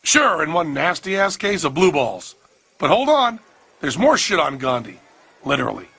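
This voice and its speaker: A man's voice: a little high, big pitch swings, normal speed, vocal fry, pushed and bright, slightly rough. An American man hosting a comedy documentary, narrating in a sarcastic, profane, mock-outraged way. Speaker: host.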